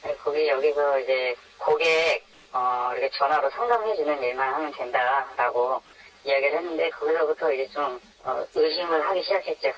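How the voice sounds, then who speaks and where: A man's voice: a little high, normal speed, a bit bright. Disguised male voice on a dull phone line. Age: 20s. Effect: electronically disguised voice for anonymity. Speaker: anonymous interviewee. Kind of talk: phone interview, recounting experience.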